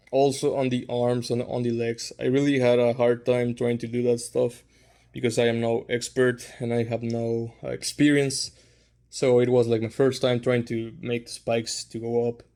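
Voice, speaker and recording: Casual man with flat, even intonation. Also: mid-range voice. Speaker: hobbyist host of figure customizing videos. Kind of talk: casual vlog chat to viewers.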